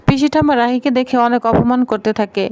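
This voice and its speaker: A woman narrator with a fairly high voice retells a family serial episode. She keeps a steady storytelling pace, moving from scene to scene and quoting each character. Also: fast, smooth.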